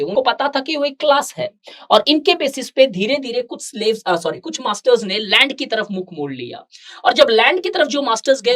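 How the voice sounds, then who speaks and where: A woman teaches an exam-prep class. She explains step by step and keeps turning to the students with questions. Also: mid-range voice. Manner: explains in mixed Hindi and English, with rhetorical questions to students.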